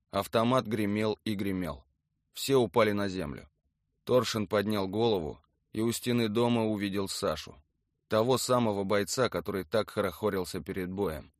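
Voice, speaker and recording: A male audiobook narrator reading a documentary book in an even, matter-of-fact way. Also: on the low side, no room sound, clean studio sound.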